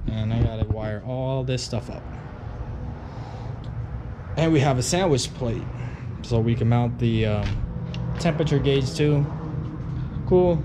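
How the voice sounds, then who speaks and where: A man's voice: mid-range voice, a little slow, pauses often. Man grumbling while wiring car gauges. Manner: relaxed, grumbling about tight engine bays. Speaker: vlogger installing car gauges. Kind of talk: casual talk while working on a car. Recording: outdoor noise in the background.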